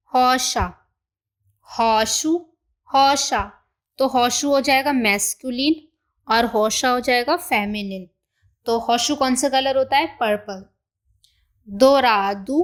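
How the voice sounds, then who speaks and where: In a slightly bright, high voice, a woman teaches a beginners' language class. She says each new word slowly, then repeats it for the learners to copy.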